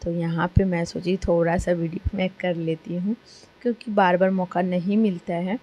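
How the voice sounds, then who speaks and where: A young woman narrates her family vlog as a casual voice-over. Her voice sits low and mellow with a flat, even delivery. She rambles on in a chatty way, with plenty of fillers. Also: normal speed, a little hiss or hum. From Kolkata, India. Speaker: vlogger.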